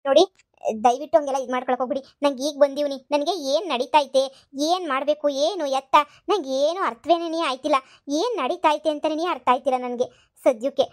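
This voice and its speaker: A woman's voice: high voice, quick pace, lightly acted. A woman voicing a stubborn older village mother-in-law who scolds and repeats herself. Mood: confused. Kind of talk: cartoon voice acting.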